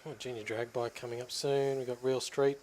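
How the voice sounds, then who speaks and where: Australian male co-commentator, mid-pitched and dry, with clear track noise behind. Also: level tone, a little fast, darkish tone. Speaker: drag racing co-commentator. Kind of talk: live race commentary. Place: commentary box at a raceway.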